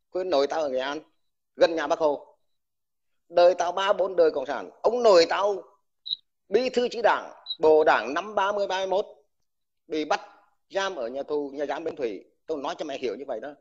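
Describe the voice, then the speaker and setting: Furious and combative, this army veteran's livestream rant is full of crude insults aimed at the listener. He speaks at a moderate pace with lively intonation and a somewhat raised pitch, stuttering on repeated words as he gets worked up. The audio is dull and lo-fi.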